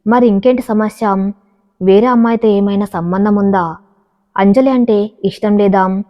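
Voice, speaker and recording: A calm, probing doctor with seasoned patience, as a woman reads him out, asking his questions in a soft, even voice. The voice sits at a middle pitch and carries a long reverberant tail. The sound is dull and muffled, like a lo-fi audio story. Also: moderate pace, close to an everyday voice. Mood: firm.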